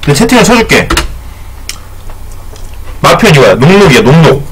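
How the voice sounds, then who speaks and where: A man's voice: a little high, moderate pace, background noise. A man streaming a mukbang, talking while chewing and chatting casually with his viewers. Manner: animated, talks straight to viewers.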